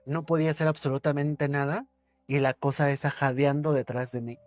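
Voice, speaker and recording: A man, a podcast guest telling a personal ghost story with suspense, repeating words and dropping his voice low. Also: little pitch movement, brisk, darkish tone, no echo.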